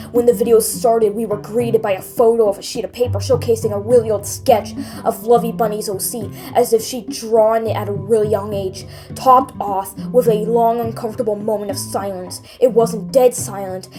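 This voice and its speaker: High-voiced woman narrating horror over music. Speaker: creepypasta narrator. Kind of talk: scripted horror story narration.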